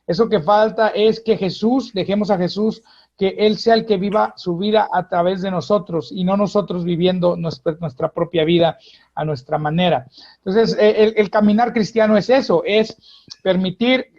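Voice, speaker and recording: A man with a Mexican accent, a pastor speaking as a radio guest, preaching in an earnest, halting way that often repeats words. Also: high voice, fairly even intonation, a little mellow, lo-fi sound.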